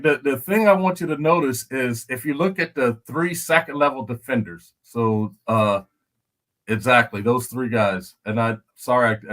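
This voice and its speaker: Older man breaking down football film. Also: mid-range voice. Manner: animated storyteller, repeats phrases, "you know what I'm saying". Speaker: guest analyst, former NFL lineman. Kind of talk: casual podcast commentary.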